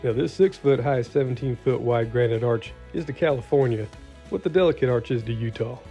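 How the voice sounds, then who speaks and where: Guy doing quick travel vlog voiceover, kinda dull lo-fi sound, dry little jokes. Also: mid-range voice. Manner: informative with dry asides. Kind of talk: scripted voice-over narration. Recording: dull lo-fi voice-over with music.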